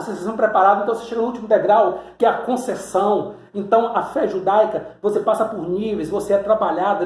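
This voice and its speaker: Man, high voice, teaching preacher who points at a board and asks rhetorical questions, roomy echo. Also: darkish tone. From Salvador, Bahia, Brazil. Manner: explains step by step, points at drawings, rhetorical questions. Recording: echoey room.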